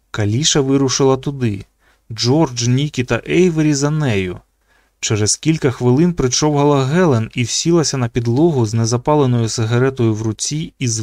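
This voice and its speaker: Man reading an audiobook, steady measured tone, dry close mic. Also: mid-range voice, no room sound. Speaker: audiobook narrator. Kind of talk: scripted audiobook narration.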